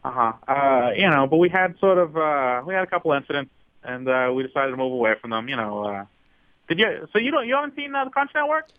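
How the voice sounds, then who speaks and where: A man's voice: medium pitch, big pitch swings, fast, no echo, narrow, tinny audio, natural voice. A man voicing a shameless male TV network executive who talks blithely and unapologetically, with frequent uhs. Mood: breezy. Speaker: comedy podcast guest character.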